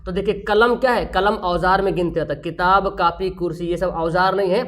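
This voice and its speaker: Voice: medium pitch, fairly even intonation, a little fast. An online tutor, teaching a live grammar class. Asks questions and answers them, repeats key terms, and reads out viewers' names with praise.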